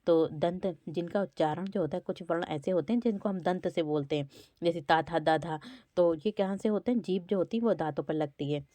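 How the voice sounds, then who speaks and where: Lady teacher doing exam prep, sounds out letters, lowish voice, dry close sound. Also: brisk, hardly any pauses, dark tone, no echo. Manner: walks through quiz questions, sounding out letters.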